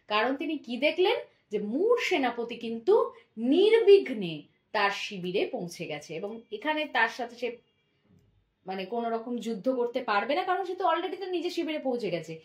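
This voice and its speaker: A woman teacher explaining a school lesson patiently, slowly drawing out example words as she demonstrates. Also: high voice, echoey room.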